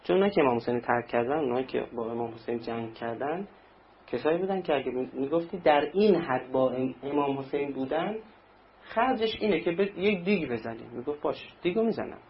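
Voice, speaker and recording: A man's voice: medium pitch, animated, a little hiss or hum. A man preaching a sermon in a conversational way, acting out little anecdotes. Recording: dull lo-fi recording with faint ambience.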